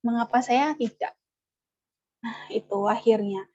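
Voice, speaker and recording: A woman leading an online parenting workshop, animated and acting out parent-child dialogues. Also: on the high side, measured pace, dry recording, muffled recording. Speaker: parenting trainer.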